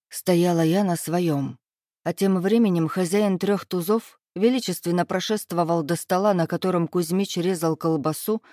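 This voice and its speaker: A woman narrating a first-person novel in a lively, sharp-tongued way, with sharp outbursts in character. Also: fairly low pitch, no echo, clean studio sound. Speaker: audiobook narrator.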